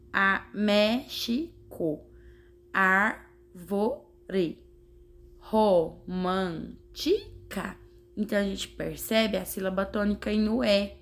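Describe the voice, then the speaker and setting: A woman teacher, explaining a grammar lesson slowly and carefully, sounding out syllables. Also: medium pitch, gravelly, slight background noise. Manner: slow, carefully spelling out syllables. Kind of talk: slow classroom explanation.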